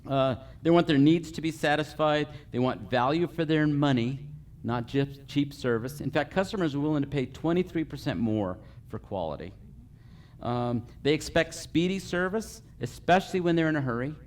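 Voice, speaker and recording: A man's voice: a little high, lively intonation, moderate pace, darkish tone, slight background noise. A man giving a live customer service training, working through a numbered list and checking in with the group with frequent okays. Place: meeting room with a live audience.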